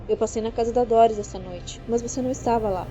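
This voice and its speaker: A woman's voice: fairly high pitch, steady tone, fast, mellow, natural voice. A woman voicing a jealous young man who accuses his fiancée in an audiobook reading. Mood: probing. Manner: accusing, insistent. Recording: dull lo-fi with faint music.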